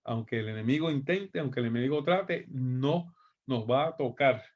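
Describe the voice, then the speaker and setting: A man's voice: medium pitch, normal speed, lo-fi sound. A man teaching a Bible class, reading scripture aloud and explaining it, often checking in with "¿verdad?".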